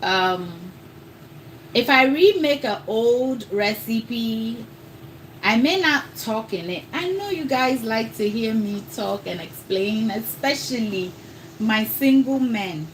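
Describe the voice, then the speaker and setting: A fairly high-pitched, animated woman takes her time as she hosts a relaxed live cooking show, addressing viewers as y'all in an accent between Ghanaian and American. She chats with them directly the whole way through. The recording is rough, with slight background noise underneath.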